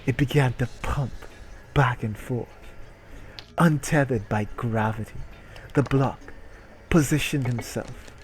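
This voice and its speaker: In a low-quality recording with a little hiss or hum, a man with a mid-range voice gives a comic dramatic reading of an erotic short story. His theatrical narration keeps breaking into incredulous asides and giggles.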